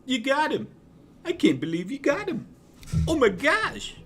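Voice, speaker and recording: Squealing cartoon mice. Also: male voice, high voice, sing-song, moderate pace, slightly rough, voice pushed up, full character voice. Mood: excited. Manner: squealing, gleeful. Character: two excited male cartoon mice.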